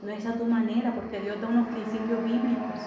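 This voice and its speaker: A woman's voice: a little high, little pitch movement, fairly quick, background noise. A woman preaching a Sunday sermon, emphatic and repeating key phrases, often putting rhetorical questions to the congregation. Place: church service hall. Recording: echoey, slightly dull church recording.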